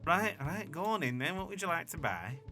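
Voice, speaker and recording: A man's voice: a little high, very animated, brisk, bright, forceful tone, soft background music, heavily acted. A man voicing a blunt female half-orc blacksmith with a put-on Cockney accent and curt, brusque talk. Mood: gruff.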